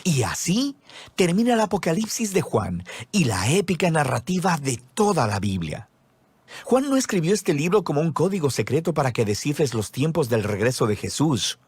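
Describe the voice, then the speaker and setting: High-pitched, lively, slightly husky male narrator. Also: normal speed, no echo. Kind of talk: scripted explanatory narration.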